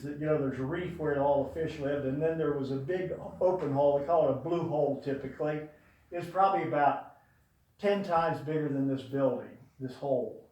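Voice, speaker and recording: An older man delivers a memorial eulogy to an audience in a large room, reminiscing fondly and ramblingly about his late brother with many fillers. His voice is fairly high with a darkish tone. He sounds far off in a very echoey room.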